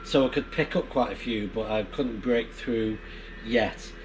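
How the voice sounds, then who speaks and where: Inside a barn, with clear background noise around him, an amateur radio vlogger gives a casual, rambling explanation. His voice is lowish and unhurried, and he hesitates, thinking aloud as he goes.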